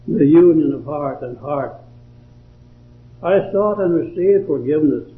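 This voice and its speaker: A man preaching a sermon and reciting a devotional poem in a slow, deliberate, measured way. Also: a little high. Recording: tinny phone-like old recording.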